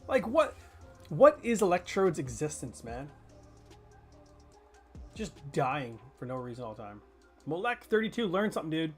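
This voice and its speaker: A man's voice: fairly high pitch, sing-song, normal speed, pauses often, faint music behind. A man chatting casually with his chat while streaming a game, joking and swearing freely. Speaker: gaming streamer. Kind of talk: casual live gameplay chatter.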